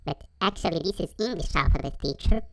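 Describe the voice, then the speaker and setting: A woman's voice: lowish voice, expressive, brisk, no echo. A woman voicing a curious young student who asks her teacher plain, eager questions.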